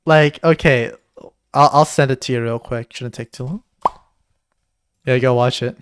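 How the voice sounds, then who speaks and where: A man co-hosting a livestream in casual chat, excitable and jokey, swearing now and then. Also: mid-range voice, a little slow, clear, resonant tone, no room sound, clean studio sound. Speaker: stream co-host.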